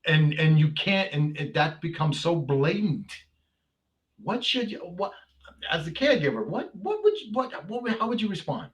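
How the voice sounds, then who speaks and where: A man's voice: on the high side, sing-song, normal speed. A man hosting a casual interview, often repeating and restarting his words. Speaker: host.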